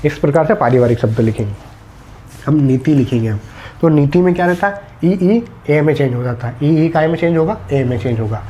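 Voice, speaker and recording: A man's voice: on the high side, animated, brisk, mellow, slight background noise. A man teaching a Hindi spelling lesson for exam students, explaining step by step and answering his own questions.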